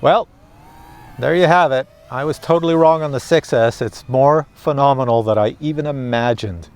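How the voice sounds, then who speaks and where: A man's voice: mid-range voice, moderate pace, smooth. A man chatting casually to viewers outdoors while he flies and reviews a drone. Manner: chatty, excitable, talks to viewers. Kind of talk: casual live commentary while flying.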